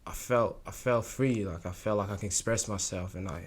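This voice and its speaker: A young man from South Sudan who speaks with an Australian accent, his voice sitting a little low. He answers in a relaxed, hesitant way, full of "like" and "you know." The tone is casual, a guest sharing his own story. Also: a little fast, husky. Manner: relaxed, hesitant, many fillers. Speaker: guest actor. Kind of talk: casual interview.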